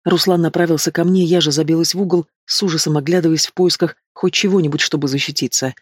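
Мужчина читает аудиокнигу, голос немного выше обычного, сухая запись без эха. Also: male voice, fairly high pitch, fairly even intonation, quick pace, dry recording, clean studio sound. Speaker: audiobook narrator. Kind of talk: audiobook narration.

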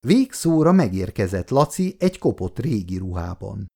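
A man narrating a storybook in a calm, lowered voice. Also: gravelly. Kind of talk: storybook reading.

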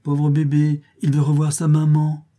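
A man's voice: on the high side, monotone, measured pace, mellow, voice pushed up. A man reading a storybook, voicing a proud, stubborn boy who brags and mocks his friends. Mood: scornful. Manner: bragging, scornful. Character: boastful boy pirate captain, proud and stubborn.

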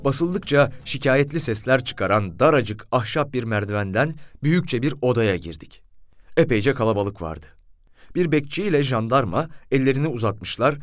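A man's voice: mid-range voice, no echo, studio quality. A man reading a first-person novel aloud as an audiobook, telling the story expressively. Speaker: audiobook reader.

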